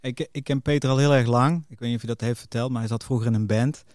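A man's voice: mid-range voice, steady tone, fast, darkish tone, no echo, studio quality. Middelbare man, losse verteltrant, droge opname. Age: middle-aged. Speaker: podcast guest, music booker. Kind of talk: casual interview, telling career anecdotes.

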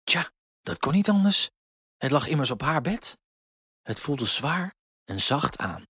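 A man reading a children's story aloud in a gentle, expressive way. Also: mid-range voice, measured pace, husky, no room sound, clean studio sound.

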